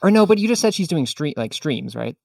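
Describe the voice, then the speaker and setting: A man's voice: a little high, sing-song, a little fast, creaky, darkish tone, dry recording, far from the mic. A man co-hosting a podcast, hesitant and circling back as he tries to make his point. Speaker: co-host. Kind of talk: casual podcast chat.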